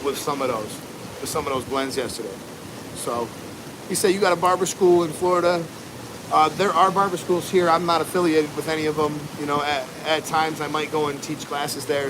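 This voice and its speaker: An American man livestreaming casually outdoors, talking in a laid-back, rambling, slangy way over wind. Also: on the high side. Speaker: livestream host, barber. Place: outdoors at home during a windy storm. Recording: noisy outdoors, loud wind and ambience. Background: wind and rushing water ambience.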